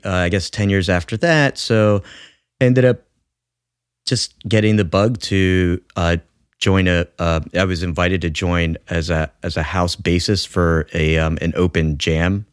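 Low-voiced man, halting with fillers. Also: fairly even intonation, clean tone, dry recording, clean studio sound. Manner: halting, many fillers and restarts. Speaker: guest bassist. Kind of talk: casual podcast chat.

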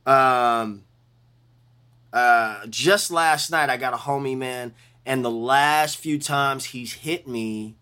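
A man in his forties, a bass player, talking about gigs in an animated, emphatic way, at times teasingly putting on a preacher's cadence. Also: slow. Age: 40s. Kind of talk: casual interview chat.

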